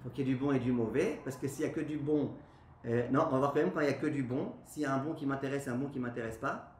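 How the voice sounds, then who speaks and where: A man, a rabbi, giving a lively spoken lesson to a class, often asking his listeners questions and then answering them himself. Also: medium pitch, quick pace. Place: classroom with a live audience. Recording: echoey room, faint background noise.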